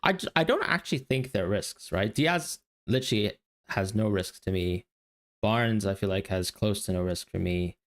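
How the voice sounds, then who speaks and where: A low-voiced man co-hosting a podcast in casual, analytical chat. He thinks aloud, rambling and correcting himself as he goes. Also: normal speed. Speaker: podcast co-host.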